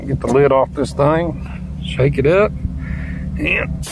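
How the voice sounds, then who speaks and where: A man's voice: medium pitch, slow. A man talks casually and plainly through a face covering that muffles his voice, like a hand over the mouth, as he demonstrates a job. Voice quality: muffled behind a face mask. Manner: folksy, plain-spoken. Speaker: DIY car-cleaning vlogger. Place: inside a parked car, outdoors in daytime. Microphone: handheld phone filming from behind. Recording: clear background noise inside car.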